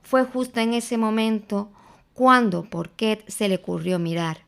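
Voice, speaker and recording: A woman reading a children's story aloud in a slow, expressive, playful way. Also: medium pitch, gravelly, clean tone.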